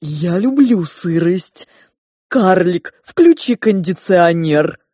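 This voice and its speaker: Woman doing a pompous two-headed pig lady, very slow drawl, dark mellow tone, dry close sound. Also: on the low side, lively intonation, no echo. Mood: ponderous. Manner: slow, ponderous, drawn-out speech. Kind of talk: audiobook character voice.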